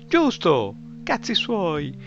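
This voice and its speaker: A man's voice: sits high, wildly swooping pitch, extremely slow, pitched above the performer's own voice, full character voice. A man reading a story aloud, voicing a brash, muscular male drinking buddy who works as a skipper and talks in a blunt, joking way. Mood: boastful. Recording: slightly muffled, music behind.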